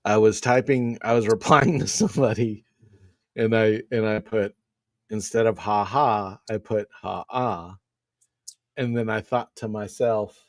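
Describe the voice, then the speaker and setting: A man's voice: lowish voice, no room sound. A man co-hosting a podcast, rambling through a casual story and laughing as he talks. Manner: rambling, laughs while telling stories. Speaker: podcast co-host. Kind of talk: casual chat.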